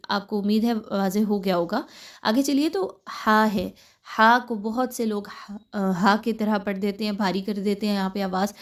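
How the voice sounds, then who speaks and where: A woman teaching tajweed, explaining pronunciation patiently and step by step. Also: medium pitch. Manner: patient, explains pronunciation step by step, then recites slowly and drawn out. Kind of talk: tajweed lesson with slow recitation examples.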